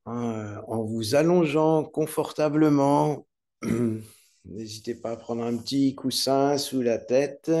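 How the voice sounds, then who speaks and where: Slow, mellow man guiding deep relaxation. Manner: calm, soothing, unhurried with long pauses. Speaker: yoga nidra instructor leading a guided relaxation. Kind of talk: guided meditation.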